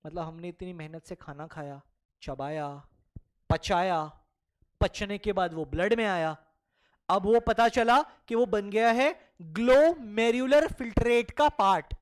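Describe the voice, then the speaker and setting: A teacher lecturing a class who fires off quick questions and answers them straight away. Words get repeated for emphasis, and the students are called children. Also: medium pitch. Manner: mixes Hindi and English freely. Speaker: biology teacher.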